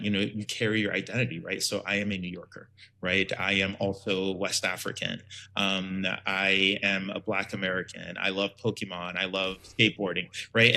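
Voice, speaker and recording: A man in his forties from Liberia, an educator telling his story in an earnest, reflective way, pausing with frequent ums. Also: sits low, gravelly, pushed and bright. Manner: thoughtful, many ums, earnest. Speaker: educator and author, podcast guest.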